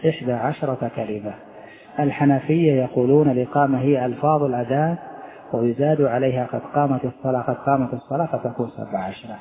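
A man's voice: mid-range voice, fast talker. A middle-aged man teaching a religious text as sheikh, explaining and quizzing his students. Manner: explains, asks the class questions. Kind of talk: lesson commentary. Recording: tinny phone-like recording.

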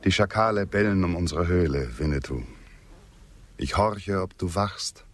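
Old Shatterhand, deep-voiced earnest frontiersman. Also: measured pace. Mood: subdued, longing. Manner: earnest, grave, poetic pleading. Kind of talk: German radio drama acting.

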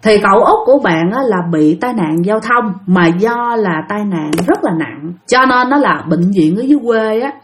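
A woman's voice: mid-range voice, lively intonation, normal speed, hardly any pauses. A woman retelling spooky stories in a chatty way, often addressing the listeners directly. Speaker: storyteller.

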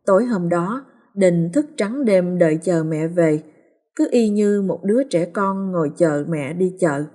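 A woman narrating a ghost story in a slow, somber, even storytelling manner. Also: lowish voice.

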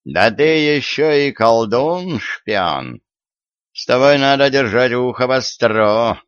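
A man's voice: medium pitch, lively intonation, slow pace, clean tone, dry recording, muffled recording. A man voicing a proud, commanding tsar who talks in archaic folksy phrases in an audiobook. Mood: gruff. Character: proud, blustering old-fashioned tsar.

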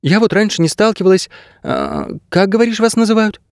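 A man voicing a frightened, curious teenage schoolgirl in an audiobook, raising his voice high for her questions. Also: animated, fairly quick, no echo, clean studio sound. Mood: chatty.

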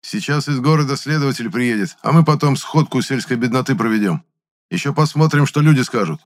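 A man voicing a brash young male squad leader who talks in sharp, mocking, commanding bursts. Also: mid-range voice, brisk, voice pushed up, lightly acted.

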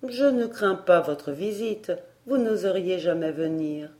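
A serene fairy governess, as a woman reader puts her on, speaking in a slow, unhurried storybook voice. Her tone is low and mellow, calm and measured throughout.

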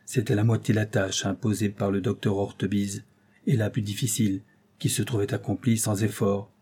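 Man narrating, mellow husky voice. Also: on the low side, little pitch movement, moderate pace. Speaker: audiobook narrator. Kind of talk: scripted literary narration.

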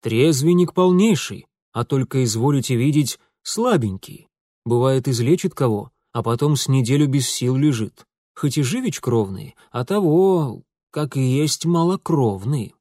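A man's voice: medium pitch, animated, measured pace, warm tone, no echo, clean studio sound. A man voicing an obsequious provincial police chief who speaks servilely. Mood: fawning.

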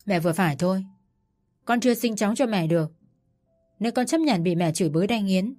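A woman voicing a defiant young wife who answers back in firm, measured words. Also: mid-range voice, expressive, a little mellow, faint music behind, lightly acted. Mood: firm defiance.

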